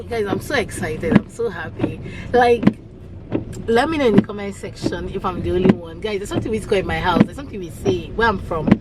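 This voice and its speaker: A Nigerian woman vlogging in a casual, chatty, excitable way from inside a car. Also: lowish voice. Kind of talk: casual vlog talk. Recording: loud street noise.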